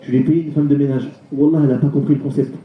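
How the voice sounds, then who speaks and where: Fast-talking, animated stand-up comedian. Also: male voice, mid-range voice, phone-quality sound, noisy background. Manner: rapid, animated storytelling with acted voices. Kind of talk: stand-up routine. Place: live comedy show venue. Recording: echoey venue with crowd.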